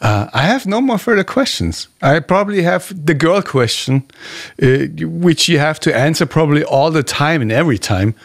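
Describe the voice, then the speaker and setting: Lively German-accented man hosting an interview. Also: on the high side, normal speed. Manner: jokey, laughs often, swears casually. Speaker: radio host, interviewer. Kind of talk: casual interview chat.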